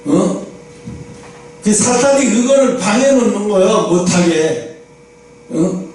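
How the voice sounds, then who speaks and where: A man preaches a sermon conversationally in a church sanctuary, asking his listeners rhetorical questions, in a high-pitched, slightly mellow voice. The sound is distant and echoey, with faint noise.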